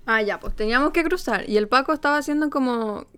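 A woman's voice: high voice, fairly bright tone, smooth. A young Chilean woman co-hosting a podcast in casual chat, telling stories with indignation. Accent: Chilean Spanish. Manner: indignant storytelling, quick to anger. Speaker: podcast co-host.

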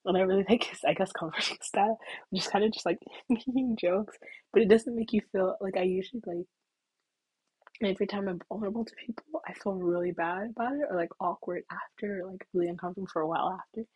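Young woman rambling to camera, kinda husky, dry close sound, slips into whispers. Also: medium pitch, fast talker, darkish tone, no echo, rough recording. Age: young adult. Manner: chatty, full of "like", drifts into whispers. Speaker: vlogger. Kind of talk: casual storytelling to camera.

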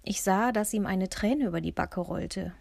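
A woman reading a first-person audiobook in a measured, tense storytelling manner. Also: medium pitch, gravelly, darkish tone, no echo. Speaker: audiobook narrator. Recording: dry close-miked studio.

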